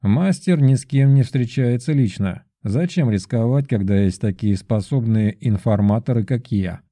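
A man voicing a rude, boastful male pigeon familiar with a shrill, squawking manner. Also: moderate pace, warm tone, no room sound, studio quality, close to an everyday voice. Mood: smug.

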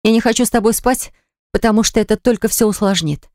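A woman voicing a frightened young woman who talks in a shrill, pleading way, pitched well above her own voice. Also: fast talker, darkish tone, dry recording, studio quality, close to an everyday voice.

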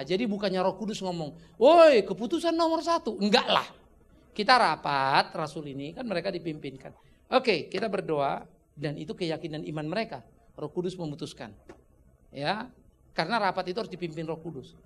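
A man preaching a conversational sermon as pastor, animated and joking, acting out little dialogues. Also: high-pitched, vocal fry, slight background noise. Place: church.

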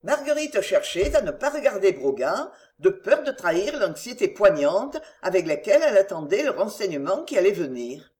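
A narrator reading a classic novel aloud in an expressive literary style. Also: medium pitch, moderate pace, few pauses. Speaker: audiobook narrator. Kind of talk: scripted narration.

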